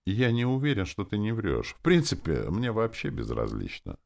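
A man's voice: on the low side, wildly swooping pitch, moderate pace, creaky, voice pushed up, exaggerated voice. A man doing a cold, condescending mage. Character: cold, detached young male mage. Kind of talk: audiobook character voice.

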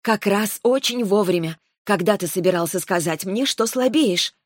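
A woman's voice: medium pitch, moderate pace, no room sound, studio quality, natural voice. A woman voicing a stubborn young heroine who answers back sharply in an audiobook. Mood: defiant. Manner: defiant, sharp-tongued.

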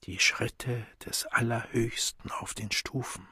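An unearthly ceremonial voice from a storybook, put on by a male reader, solemn and hypnotic. It stretches its words out very slowly and slips into breathy whispers. The recording is close and dry. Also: medium pitch, steady tone, dark tone, dry recording, exaggerated voice. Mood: whispering. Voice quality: slow, drawn-out and swelling from whisper to trumpeting. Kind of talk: audiobook reading.

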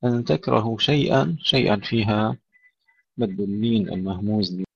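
A man teaching Quranic recitation rules, slowly reciting short verses and then explaining each letter, recorded dry on a dull lo-fi mic. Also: lowish voice, gravelly, husky, dry recording. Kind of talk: tajweed lesson.

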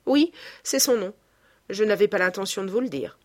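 A woman's voice: medium pitch, expressive, normal speed, a little mellow, close to an everyday voice. A woman reading aloud as a young male painter, earnest and emphatic, guarding a secret.

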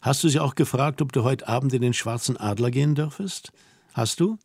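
A man reading an audiobook voices a young woman who teases and orders her companion about, asking brisk, mocking questions. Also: medium pitch, darkish tone, husky, no echo, studio quality. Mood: scolding. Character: young woman, teasing, bossy and self-assured. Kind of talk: audiobook dialogue.

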